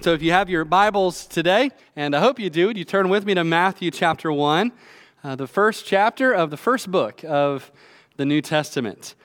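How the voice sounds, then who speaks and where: A pastor preaches a sermon from a church stage at a pulpit microphone, speaking in a chatty, conversational way full of filler words. His voice is a little high and fairly bright, at a normal speed.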